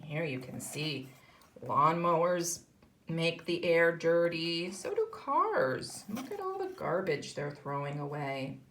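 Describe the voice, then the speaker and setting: There is slight background noise as a woman with a deep, fairly bright, sing-song voice slowly reads a picture book aloud. A kindergarten teacher, she explains the story to the young children and poses questions to them.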